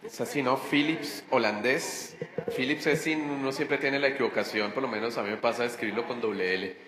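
A man hosting a casual radio conversation, relaxed and rambling, laughing easily. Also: mid-range voice, brisk, roomy sound, in a large hall, noisy background. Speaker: radio host.

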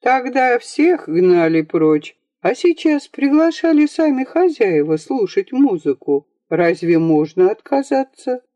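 Lively woman reading a novel. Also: on the high side, slow, few pauses, no room sound. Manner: expressive, lively storytelling. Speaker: audiobook narrator. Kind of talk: scripted narration of a novel.

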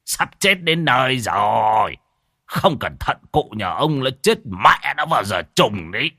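A man voicing a gruff, greedy old village shaman who scolds and curses as he orders people around. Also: medium pitch, very animated, unhurried, pushed and bright, no echo, clean studio sound, voice pushed up, full character voice. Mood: impatient. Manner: bossy, scolding, curses freely.

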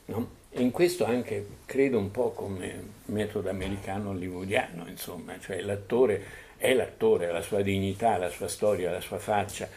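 Male panelist, lowish voice, loose anecdotal delivery with lots of "eh" and "no?". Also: steady tone, moderate pace, darkish tone, a little hiss or hum. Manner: digressive, many fillers and tag questions. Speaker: panelist at a book presentation. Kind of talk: anecdotal public talk. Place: bookshop event room.

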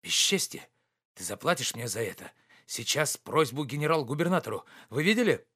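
A man doing a blustering bully shouting abuse. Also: medium pitch, very animated, moderate pace, slightly rough. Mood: outraged. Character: boorish loud middle-aged man, quarrelsome bully. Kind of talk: audiobook reading.

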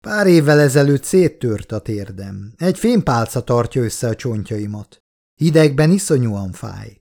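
Brief: male reader doing a relaxed scholar, wry and friendly, near his own voice. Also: mid-range voice, creaky. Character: friendly middle-aged male archaeologist scholar.

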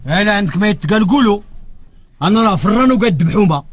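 A cagey Moroccan shopkeeper. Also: male voice, high voice, expressive, racing, dry recording. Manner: evasive, proverb-quoting. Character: secretive male shopkeeper, stubborn and cagey. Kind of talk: film dialogue.

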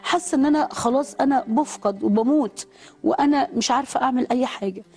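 A woman's voice: sits high, fast talker, darkish tone, breathy edge, soft background music. A woman with an Egyptian accent telling a fervent, prayerful personal testimony. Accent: Egyptian Arabic. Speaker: guest giving testimony.

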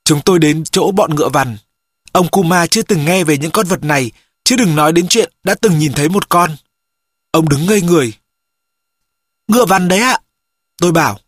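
Audiobook narrator, steady first-person reading, dry close booth sound. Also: medium pitch, brisk, breathy edge, no echo.

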